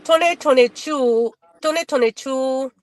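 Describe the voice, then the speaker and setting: A middle-aged woman from Liberia, a bodybuilder guest telling her story in casual webinar talk, halting and restarting her words often. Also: high-pitched.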